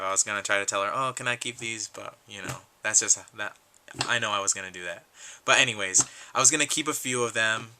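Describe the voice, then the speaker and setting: A man's voice: mid-range voice, sharp tone, low-quality recording. A man talking earnestly to camera in a casual vlog, rambling with frequent restarts and losing his voice a little. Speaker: YouTube collector vlogger.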